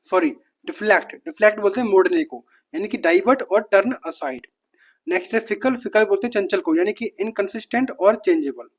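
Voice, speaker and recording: A teacher working through a rapid-fire vocabulary list in a steady, matter-of-fact rhythm. Each word gets named, repeated once, then glossed, with quick self-corrections on the fly. The pitch sits right in the middle. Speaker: exam-prep vocabulary teacher.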